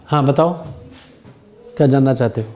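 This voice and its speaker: Male physics teacher, warm and mellow, lecturing a classroom with frequent questions to students. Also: medium pitch, moderate pace. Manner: patient, keeps quizzing students.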